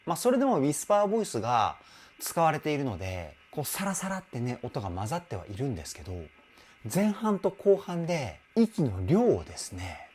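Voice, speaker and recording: A man's voice: fairly high pitch, a little hiss or hum. A man working as a vocal coach, giving enthusiastic commentary that analyses a song's vocals and demonstrating sounds with his own voice.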